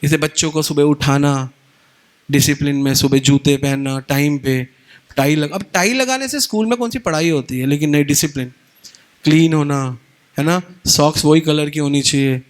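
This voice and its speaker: A middle-aged man giving a devotional lecture at a retreat, animated, acting out little dialogues and mixing in English words. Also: on the high side, normal speed.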